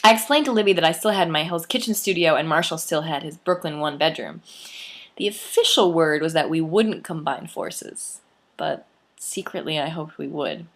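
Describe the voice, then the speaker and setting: Reading aloud from her own memoir at normal speed, a young woman speaks in a voice that sits somewhat low for a woman. Her delivery is lively and playfully emphatic, the way a storyteller shares a personal tale.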